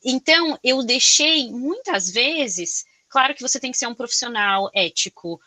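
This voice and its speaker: Expressive Brazilian woman with a bright voice. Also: a little high, measured pace, no room sound. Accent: Brazilian Portuguese. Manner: loud, expressive, animated storytelling. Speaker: corporate sales professional. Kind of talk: casual interview chat.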